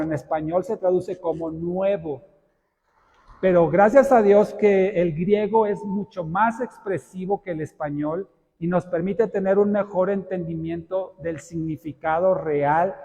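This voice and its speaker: A man preaches from the pulpit with a high voice. He explains slowly and puts questions to the congregation. His voice rings with the long reverb of a church sanctuary. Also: warm tone. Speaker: pastor. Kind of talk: sermon.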